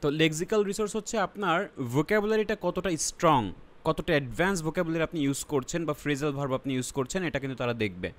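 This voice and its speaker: A man's voice: a little high, quick pace. A man with a Bangladeshi accent teaching an online exam-prep lesson, explaining step by step, mixing English terms into his talk and often checking that students follow. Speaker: IELTS teacher.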